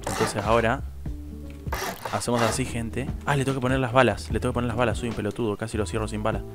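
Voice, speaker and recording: A man's voice: medium pitch, fairly even intonation, fast talker, over music. A young man with an Argentine accent giving casual, slangy live commentary on his online gameplay, talking to his chat. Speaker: streamer.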